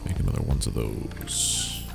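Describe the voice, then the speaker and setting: A man's voice: a bass voice, unhurried, vocal fry, loud music behind the voice. A man giving casual, informal commentary on a game livestream, often muttering to himself.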